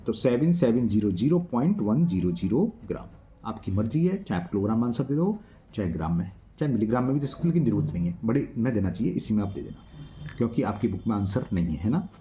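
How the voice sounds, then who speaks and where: Patient male maths teacher, mellow voice. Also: lowish voice, sing-song, fast talker, a little hiss or hum. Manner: patient, counts digits aloud, checks understanding. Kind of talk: explaining a maths exercise.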